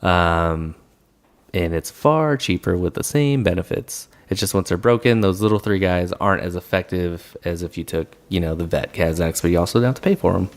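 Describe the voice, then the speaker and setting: A man co-hosting a podcast, relaxed and agreeable, talking through game strategy with lots of "like" and "mm-hmm". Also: low voice, moderate pace. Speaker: podcast co-host. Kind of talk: casual tabletop game chat.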